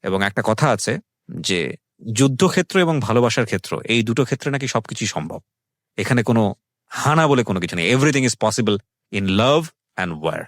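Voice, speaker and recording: A radio show host with a Bangladeshi accent interviews a guest in a radio studio, mixing conversation with reflective social commentary. He speaks Bengali sprinkled with English phrases, commenting emphatically and repeating phrases for stress. His medium-pitched voice is animated at a moderate pace, in a dry, studio-quality recording.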